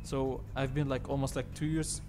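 A young man from Tunisia, not a native English speaker, hosting a sim-racing livestream, reading chat and answering in halting, filler-heavy talk. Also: medium pitch, level tone. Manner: halting, filler-heavy, reads chat aloud and thanks subscribers. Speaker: livestream host. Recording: loud game music behind voice.

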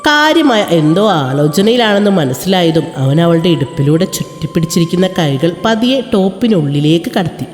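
A woman narrating a romantic audio story in a calm, even storytelling voice. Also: fairly low pitch, normal speed, hardly any pauses. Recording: echoey reverb with faint music.

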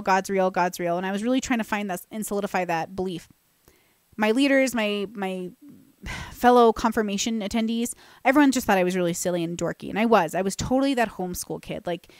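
A young Californian woman hosts a podcast from a bright room with plants, speaking close to a boom-mounted studio mic. Her medium-pitched voice is recorded dry as she tells a personal story in a chatty, self-deprecating way, full of restarts and fillers.

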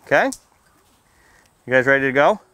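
Speaking through a mask at an outdoor children's storytime on a library lawn, a firefighter in his thirties who teaches fire prevention reads and talks casually to little ones in a plain, friendly manner. His medium-pitched voice is animated and sharp in tone, at a normal speed.

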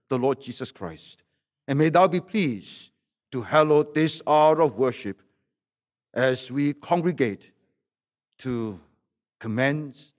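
A man leading a solemn formal prayer at a pulpit microphone, in a measured voice with old-style wording. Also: mid-range voice. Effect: speaking at a pulpit microphone.

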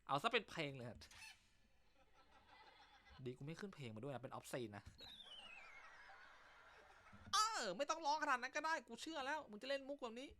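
Comic male host, crude teasing banter, bright tone, animated delivery. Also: very high-pitched, moderate pace, pauses often, slight background noise. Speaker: comedy show host. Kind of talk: casual joke-telling chat.

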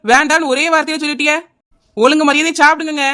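An eager young village wife in a cartoon comedy, voiced by a woman, speaking with a Kanyakumari Tamil accent. Her voice sits high, and she coaxes, insists and wails. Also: little pitch movement, fast, bright, forceful tone. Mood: coaxing. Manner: pleading, insistent and wailing. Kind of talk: animated cartoon comedy dialogue.

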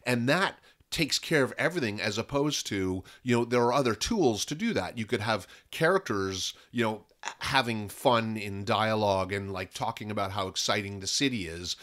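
A man from Canada, a film and content producer talking as a podcast guest in a lively way, often restarting sentences and piling up examples. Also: fairly low pitch, normal speed, hardly any pauses. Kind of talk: casual interview talk.

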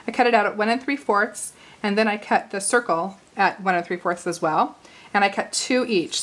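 A woman in her thirties hosting a casual crafting tutorial, chatty and a little hoarse, with apologetic asides while she works at arm's length from the camera. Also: medium pitch, fairly bright tone, rough recording. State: slightly hoarse, losing her voice. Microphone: camera at arm's length over the craft table.

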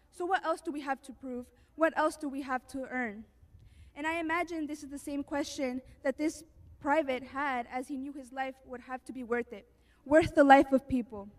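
High-voiced teen girl giving graduation speech. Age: teens. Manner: earnest, heartfelt delivery. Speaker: graduating student speaker.

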